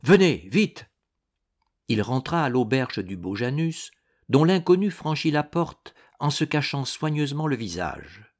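A man reading a historical adventure novel aloud in a measured, dramatic way. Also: mid-range voice, very animated. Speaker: audiobook narrator.

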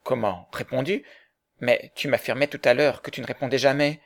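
A man's voice: mid-range voice, fairly even intonation, normal speed, natural voice. A man voicing an anxious, jealous young man in love, in a dramatized audiobook reading. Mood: fretful. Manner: fretful, pleading.

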